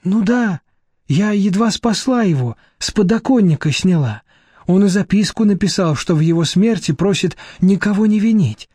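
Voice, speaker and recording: A man's voice: high-pitched, lively intonation, normal speed, warm tone, husky, no echo, studio quality, pitched above the performer's own voice. A man reading an audiobook, voicing a timid young woman who talks in a plaintive, pleading way. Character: timid young woman, fearful and self-pitying.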